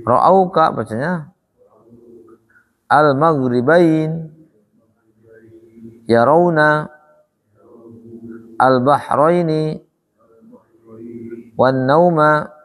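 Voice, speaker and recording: A man teaching Quran recitation rules, drilling his students with repeated questions in a slow, patient way. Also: on the high side. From Indonesia. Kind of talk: tajwid lesson. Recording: echoey hall reverb.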